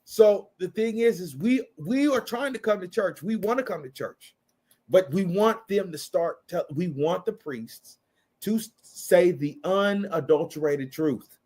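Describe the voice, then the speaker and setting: A man with a fairly high-pitched voice holds forth in an impassioned opinion rant. He is blunt and swears freely, hammering his point home by repeating phrases. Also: lively intonation, measured pace, a little mellow. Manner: blunt, profane, emphatic repetition.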